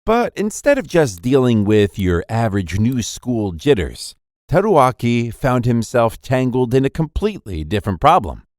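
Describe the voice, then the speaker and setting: A man's voice: medium pitch, very animated, moderate pace, a little mellow, no echo, studio quality. A man narrating an anime recap in a playful, jokey storytelling manner.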